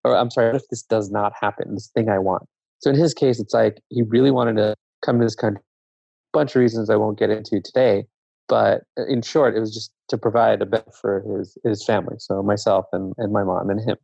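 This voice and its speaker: A man from Zambia speaks as a guest in a casual conversation, reflective and measured, often circling back to restart a thought. His voice is low, dark and gravelly. The recording is dry and dull, with a lo-fi sound. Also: steady tone, no room sound.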